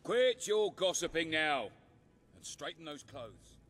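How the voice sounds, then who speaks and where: A man's voice: a little high, very animated, slow, fairly bright tone, slight background noise, full character voice. A man playing a fussy, formal head servant of a royal castle in a video game. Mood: scolding. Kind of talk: video game character acting.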